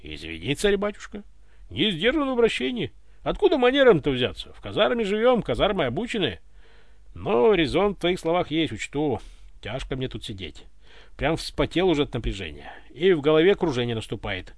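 A man's voice: fairly high pitch, wildly swooping pitch, brisk, dry recording, heavily acted. A man voicing a brash, cheeky young commoner who keeps joking in folksy speech, read dry and close. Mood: bantering.

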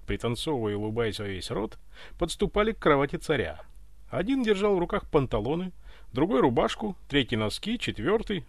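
A man narrating a humorous story in an expressive, wry manner for an audiobook. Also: on the high side, vocal fry, dry recording.

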